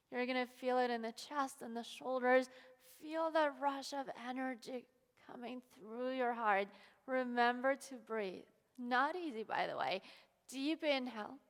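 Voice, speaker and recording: Woman teaching yoga, kinda high pitched, calm encouraging cues, bit out of breath, echoey room. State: slightly out of breath. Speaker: yoga instructor. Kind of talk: guided yoga class instruction.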